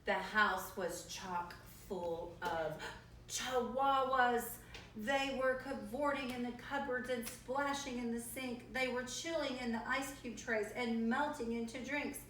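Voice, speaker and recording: A woman reading a children's picture book aloud in a lively, playful way. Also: on the high side, unhurried, few pauses, a little hiss or hum. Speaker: storyteller. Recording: echoey room, mic at a distance.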